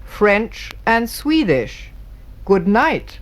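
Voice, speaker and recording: A woman's voice: mid-range voice, big pitch swings, extremely slow. A woman giving formal, scripted narration, reading carefully and precisely.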